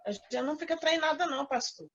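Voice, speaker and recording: A Brazilian woman from Minas Gerais talks with a bright, fairly high voice. Her speech is chatty and circles back on itself. The audio is slightly muffled. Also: fast. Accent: Brazilian Portuguese, Minas Gerais. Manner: chatty, repeats herself with tags. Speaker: class participant. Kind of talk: casual chat.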